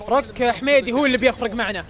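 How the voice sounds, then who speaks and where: A man giving excited live commentary as a streamer, chanting and cheering his team on. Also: extremely high pitch, racing, soft background music.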